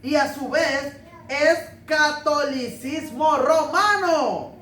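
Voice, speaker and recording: A man's voice: very high-pitched, animated, takes it slowly, pushed and bright. Man preaching a joking sermon, roomy. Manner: joking, conversational preaching with rhetorical questions. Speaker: pastor. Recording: roomy, distant mic, faint noise.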